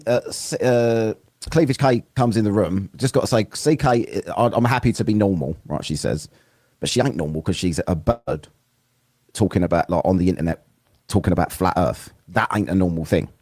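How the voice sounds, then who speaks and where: Host: man, lowish voice, relaxed chatty livestream reactor, dry close mic. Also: no echo. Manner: chatty, greets chat viewers one by one. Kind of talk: casual live-stream commentary.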